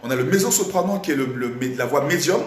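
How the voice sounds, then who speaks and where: Slightly hoarse man teaching a singing class. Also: on the high side, quick pace. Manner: animated, repetitive, questions the audience. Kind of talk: live online singing lesson. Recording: roomy echo, faint background noise.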